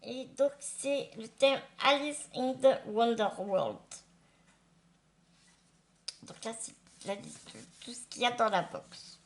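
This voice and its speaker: A woman's voice: a little high, slow, pauses often. A woman chatting casually to viewers as a craft unboxing vlogger, affectionate and gushing, with a slight lisp and slushy s sounds. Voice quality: slight lisp, slushy s after dental surgery.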